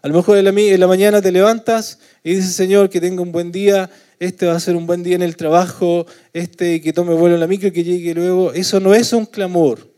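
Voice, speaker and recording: A man with a Chilean Spanish accent preaching a sermon to his congregation. He often checks in with tag questions and swells into loud pleading when voicing prayers. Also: high voice, level tone, fairly quick, few pauses, clean tone. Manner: asks the congregation for agreement with frequent tag questions; rises to loud pleading when voicing prayers, drops soft at phrase ends.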